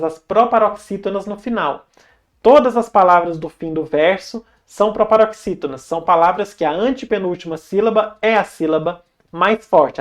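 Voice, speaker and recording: A young woman teaching an online grammar lesson in a Brazilian Portuguese accent, chatty and lively, talking straight to the viewer. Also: mid-range voice.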